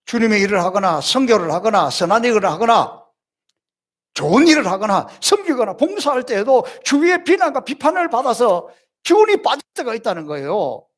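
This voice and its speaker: A middle-aged pastor preaches a Sunday sermon in a high voice. His pitch leaps and falls widely as he stacks repeated phrases. He presses his points with rhetorical questions. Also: very animated, fairly quick. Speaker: senior pastor.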